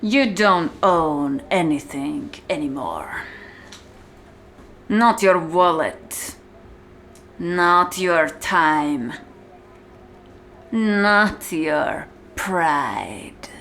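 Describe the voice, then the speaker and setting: In this ASMR roleplay, a woman voices a cold, overbearing warden, speaking straight to the listener with slow, condescending delivery and whispery drops. Her low, expressive voice is exaggerated and commanding, with slight background noise.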